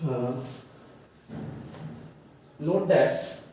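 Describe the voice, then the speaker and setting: A man giving a college English grammar lecture, halting with many fillers and self-corrections, spelling words out letter by letter. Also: mid-range voice, dark tone. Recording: echoey room, mic far off, faint noise.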